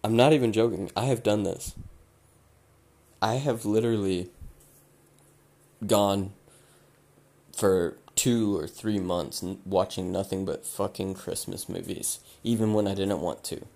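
A man talks slowly in a fairly low voice, giving blunt advice on his podcast. He swears freely and often repeats his words. His voice is getting hoarse as he goes. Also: fairly even intonation, warm tone. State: losing his voice, clearing his throat. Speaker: podcast host. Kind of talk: casual advice monologue.

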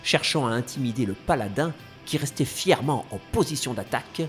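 Man, storyteller, storybook narration, lively pitch, playful, faint music. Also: a little fast.

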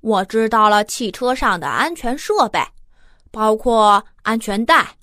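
A woman's voice: fairly high pitch, expressive, a little slow, fairly bright tone, no room sound, clean studio sound. A woman voicing an eager, cheeky, confident child in a children's audio story. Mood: proud.

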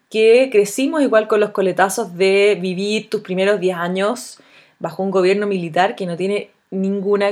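A Chilean woman of around forty hosting a solo podcast. She talks in a thoughtful, earnest way and pauses often on fillers. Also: mid-range voice, a little mellow. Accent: Chilean Spanish. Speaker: podcast host. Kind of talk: solo reflective podcast monologue.

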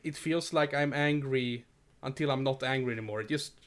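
A man's voice: medium pitch, brisk. A man in casual podcast chat, talking in a rambling, hesitant way and laughing often. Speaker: podcast co-host.

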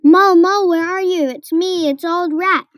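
A woman's voice: very high-pitched, steady tone, normal speed, no room sound, studio quality, voice pushed up. A woman reading a storybook, voicing a loyal male water rat who calls out eagerly. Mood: eager calling. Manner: calling out eagerly.

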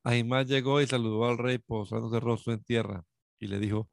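Gravelly man reading scripture. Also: medium pitch, a little fast, no echo, studio quality. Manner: steady reading with occasional restarts. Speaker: Bible reader.

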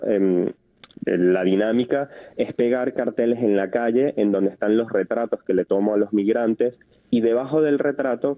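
A young man speaks as a guest over a tinny phone line. His voice sits a little low, and he explains things clearly and articulately. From Venezuela. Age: young adult. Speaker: journalist guest. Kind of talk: phone interview.

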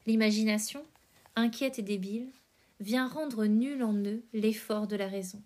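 A woman reads poetry aloud for her podcast, taking her time over every line. Her pitch sits in an ordinary middle range, and her pace is unhurried and deliberate. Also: darkish tone. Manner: slow, measured recitation with careful phrasing. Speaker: podcast host.

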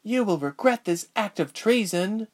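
A man voicing a frightened but defiant young princess in a high, breathless voice. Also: lively intonation, measured pace.

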